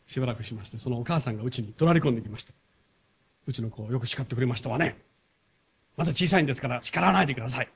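A man preaching a sermon, firing rhetorical questions at the congregation and swinging from loud emphatic passages to soft, confiding asides. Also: medium pitch, slight background noise.

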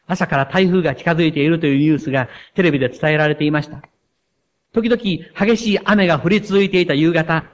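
A man preaching a sermon, taking his time as he reads a heartfelt story aloud. His voice sits a little high for a man and stays earnest and deliberate throughout. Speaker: pastor.

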